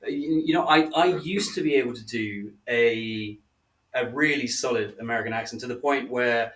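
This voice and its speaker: A man's voice: medium pitch, normal speed, fairly bright tone. English-accented male guest, wry storyteller, mic a little distant. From England. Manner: self-deprecating anecdotal storyteller. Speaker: guest producer. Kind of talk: casual podcast chat.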